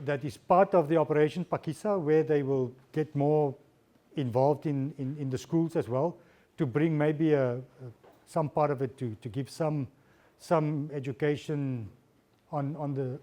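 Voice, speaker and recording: A man's voice: fairly high pitch, steady tone, moderate pace, warm tone. A man, a diplomat answering audience questions at a guest lecture, often repeating words as he searches for phrasing. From South Africa.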